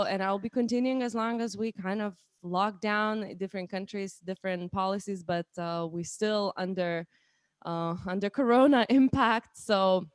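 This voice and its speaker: A woman's voice: mid-range voice, smooth, no echo. A woman in her thirties hosts a casual live-stream chat in a Lithuanian accent. She talks at a chatty, easygoing clip and often restarts her sentences. The sound is dry and close, over a video call. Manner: chatty, with frequent restarts and fillers. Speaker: host.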